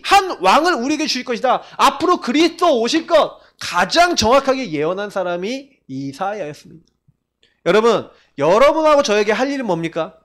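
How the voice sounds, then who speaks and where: Animated Korean pastor preaching a sermon. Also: male voice. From South Korea. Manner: animated preaching, quoting figures in a hushed low voice. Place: church sanctuary.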